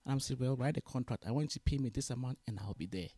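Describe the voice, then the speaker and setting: As a guest in a Canadian interview, a Ghanaian woman recounts her story in a relaxed mix of English and Twi, changing languages freely and animatedly performing the dialogue. Her husky voice is extremely low and quick, with no room sound.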